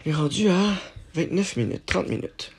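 Halting male podcast host, gravelly voice, slightly high. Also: animated. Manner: halting, thinking aloud, many restarts. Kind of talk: solo podcast musing.

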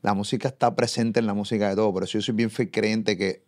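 Brief: interview host, fast, low-pitched, crude joking banter. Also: male voice, steady tone. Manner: brash, joking, heavy slang. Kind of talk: casual interview chat.

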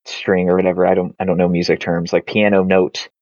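A man's voice: low voice, little pitch movement, fairly quick, darkish tone, no echo. A man chatting casually about video games over a video call, rambling with lots of filler words. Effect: heard over a video call. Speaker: podcast co-host. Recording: dull, lo-fi call audio.

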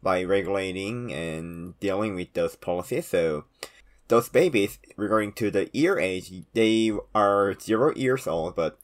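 Low-pitched young Korean man, tricky V sounds. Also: animated, a little slow. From South Korea. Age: 20s. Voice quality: trouble pronouncing V sounds. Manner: non-native English phrasing. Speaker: podcast co-host explaining Korean customs. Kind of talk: casual explanatory talk.

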